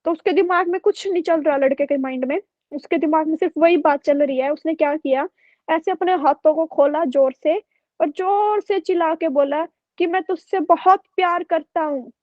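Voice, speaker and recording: A woman's voice: high voice, moderate pace, no room sound, muffled recording. A woman teacher telling a story to her online class in a chatty way, often checking in with her students. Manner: chatty, keeps checking with "okay?".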